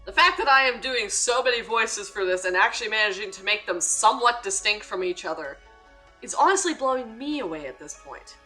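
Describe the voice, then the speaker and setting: A woman's voice: mid-range voice, expressive, fairly quick, bright, forceful tone, faint music behind, rough recording. A young woman streaming a game and chatting casually, blunt and swearing, laughing often. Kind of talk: casual gaming commentary.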